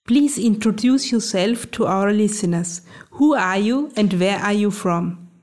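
A woman hosting a radio show, reading a scripted introduction and asking interview questions in a clear, even delivery. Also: mid-range voice, unhurried. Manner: clear, read-aloud delivery.

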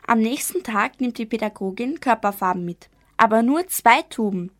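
Young woman narrating a children's story. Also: fairly high pitch. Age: young adult. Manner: calm, measured storytelling. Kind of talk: radio story reading.

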